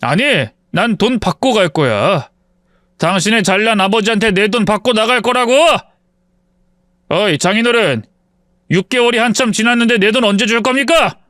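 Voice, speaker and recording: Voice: mid-range voice, expressive, moderate pace, a bit bright, no room sound, studio quality, natural voice. A man reading the part of a greedy husband who demands money and later stammers apologies. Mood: demanding.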